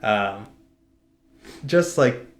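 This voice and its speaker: Low-voiced young man rambling in casual talk. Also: expressive, drawn-out words. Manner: rambling, many "like" fillers, laughs often. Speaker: podcast co-host. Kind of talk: casual sports chat. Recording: echoey room.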